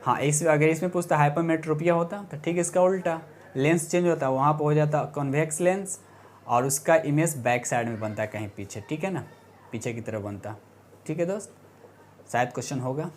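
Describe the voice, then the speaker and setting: A man walks through science quiz questions in a casual tutoring style. His voice sits a little high, and he keeps looping back with quick rhetorical questions and self-corrections. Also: slight background noise. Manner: repetitive, checks in often with rhetorical questions. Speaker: science teacher. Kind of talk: casual exam-prep lesson.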